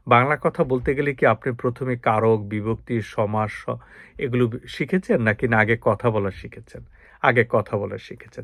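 Lively man teaching English. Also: mid-range voice, no room sound, studio quality. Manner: explanatory, models English phrases slowly with stress. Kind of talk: spoken English lesson.

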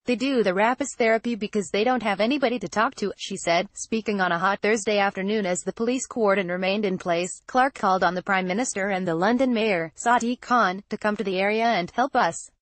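A woman reading a news article aloud as scripted narration, in an even, flat delivery. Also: mid-range voice, fairly quick, few pauses, dry recording. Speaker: news reader.

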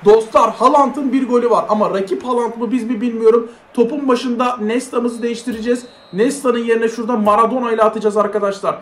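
A young man giving live commentary on his mobile football match, excitable and chatting to viewers. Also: extremely high pitch, fast, hardly any pauses, roomy sound. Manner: excitable, shouts at big plays, chats to viewers.

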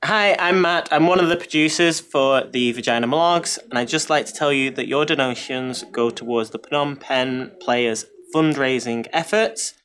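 A man's voice: medium pitch, normal speed, hardly any pauses, fairly bright tone, clear, resonant tone. A man, producer of a community theatre show, making an eager appeal for donations.

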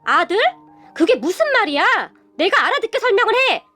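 A middle-aged father reeling in disbelief, pressing hard for answers, voiced by a woman narrator. The voice stays high and light, with soft music underneath. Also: big pitch swings, a little fast, full character voice. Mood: disbelieving. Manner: demanding, disbelieving shouts.

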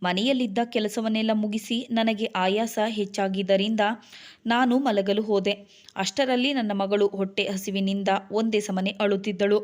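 Young woman, story narrator, steady sad reading in a flat, even tone. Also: medium pitch, moderate pace. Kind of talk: first-person scripted story narration.

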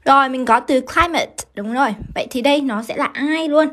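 A woman's voice: high-pitched, fairly bright tone. A woman English teacher from Vietnam, running a live-streamed grammar lesson and keeping her viewers engaged by asking them to confirm as she goes. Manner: brisk, keeps asking students to confirm.

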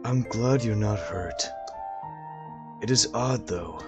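A stern, caring father from a video game, read out by a man, scolding his child. The delivery is unhurried, with faint music behind it. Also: on the low side. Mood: stern, concerned. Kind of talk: reading video game dialogue aloud.

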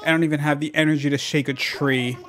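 A man voicing a laid-back, hungry male animal villager from a cartoon game by reading its lines slowly. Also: fairly high pitch, steady tone, a bit bright, lightly acted. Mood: lazy.

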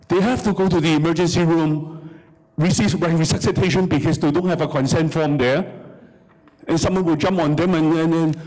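A man's voice: on the high side, darkish tone. A middle-aged man, speaking from the floor of a conference hall into a handheld mic, emphatic and critical, asking rhetorical questions. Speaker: audience member commenting. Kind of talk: impassioned comment from the floor. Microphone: handheld microphone.

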